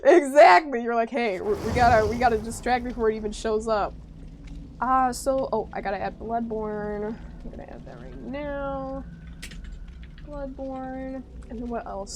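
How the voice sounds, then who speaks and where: Young American woman, streamer, casual chat, fairly high voice, faint background hum. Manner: chatty, animated retelling, frequent laughter.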